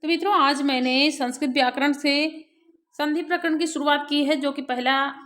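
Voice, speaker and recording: Woman, grammar teacher, bright voice, fairly high, spells out syllables slowly. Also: fairly even intonation. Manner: spells out syllables one by one with many repeats. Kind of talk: reading out a grammar lesson.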